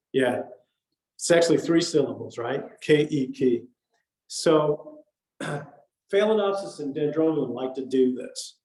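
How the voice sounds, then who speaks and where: An older man gives an easygoing talk at a garden club meeting. His voice sits a little high, and his delivery is chatty, with repeated words and frequent "okay"s. The recording carries the echo of a meeting room. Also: a little mellow. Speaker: orchid society speaker. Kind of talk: casual slide lecture. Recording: echoey room.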